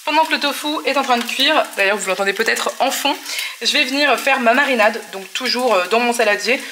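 A woman's voice: fairly high pitch, fairly quick. A woman hosting a cooking channel, narrating a recipe in a friendly, explanatory way and giving tips. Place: home kitchen. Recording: roomy echo, faint noise.

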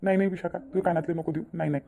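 A man's voice: a little high, fairly even intonation, rapid-fire, creaky, warm tone, a little hiss or hum. A man voicing a protective, agitated younger brother and husband.

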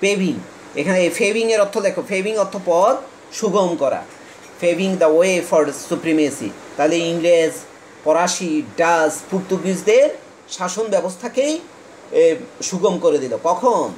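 A man from Bangladesh teaching an English lesson, reading English lines slowly and explaining quickly in Bengali. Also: sits high, a little mellow, a little hiss or hum, poor audio.

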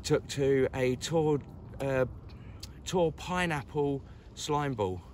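Chirpy angler by a lake. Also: male voice, medium pitch, slow pace, a little hiss or hum. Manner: chirpy, chatty, excitable. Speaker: carp angler vlogger. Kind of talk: casual outdoor fishing vlog. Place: lakeside outdoors, crouched by the water.

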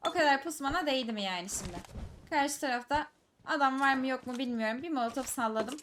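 A woman giving live commentary over her own mobile shooter match, teasing enemy players and breaking into excited shouts. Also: high-pitched, fast talker, a little hiss or hum. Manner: teasing, talks to enemies, bursts of excited shouts. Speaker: gaming streamer. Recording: loud gunfire game audio behind. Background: game gunfire and clicks.

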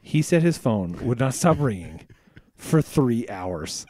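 A man co-hosting a podcast, chatting casually and joking with animated banter. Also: medium pitch, slow pace, no room sound. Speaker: podcast co-host. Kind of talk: casual chat.

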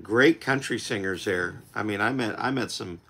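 Hosting a livestream from his indoor home music room, a middle-aged country singer in his forties talks casually with viewers, easygoing and full of fillers. His fairly low voice, moving at a moderate pace, is still slightly rough after he lost it. Loud acoustic guitar is audible in the mix.

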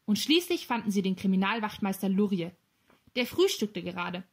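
A woman narrating a children's novel as an audiobook, with clear, lively storytelling. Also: mid-range voice, moderate pace.

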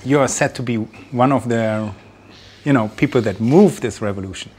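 A man's voice: mid-range voice, normal speed, darkish tone, breathy edge. A man in his forties hosting a cooking show, chatting appreciatively with a chef in a kitchen. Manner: appreciative, asking questions. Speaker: host. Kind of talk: casual chat with guests. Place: home kitchen.

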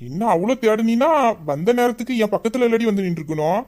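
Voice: medium pitch, expressive, quick pace, dark tone, natural voice. A performer voicing a lovesick young man who grumbles in mock anger at his sweetheart in a romantic audio drama. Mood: sulky. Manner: grumbling, mock-angry, then tender.

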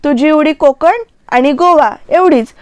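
A woman's voice: high-pitched, no room sound. A woman quoting a sulky young wife. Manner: slow, plain quoted delivery.

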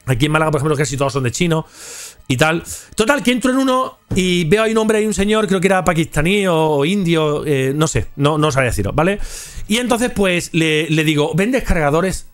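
A man, telling a rambling, slangy anecdote to his viewers. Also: high voice. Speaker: content creator. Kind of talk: casual storytelling to camera.

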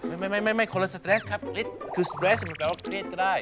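A man's voice: high-pitched, steady tone, quick pace, over music. A man playing a teacher in a comedy show, teasing his student while mixing English phrases into his talk. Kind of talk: comic English lesson.

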